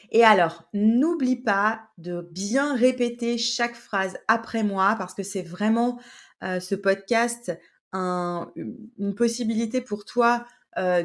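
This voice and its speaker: A woman hosting a language-lesson podcast, talking straight to the listener in a patient way with many hesitations. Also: fairly high pitch. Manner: speaks directly to the learner. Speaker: French teacher and podcast host.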